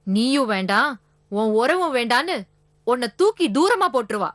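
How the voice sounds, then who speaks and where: A woman's voice: on the high side, very animated, moderate pace, dry recording. A woman playing a vengeful woman in a TV serial, accusing and threatening a man over the phone. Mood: menacing. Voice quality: menacing, accusing. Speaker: character in a TV serial. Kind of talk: TV serial acting. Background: dramatic background score.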